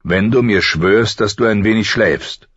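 A man voicing an earnest young noble son, calm and protective, speaking low and gently. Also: measured pace, husky, no echo, lo-fi sound. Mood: soothing.

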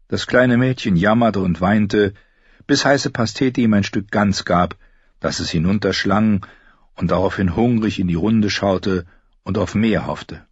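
A man reading an audiobook as narrator, in a lively, expressive way, in a dry, slightly dull lo-fi recording. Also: low voice, breathy edge, dry recording. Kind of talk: scripted narration.

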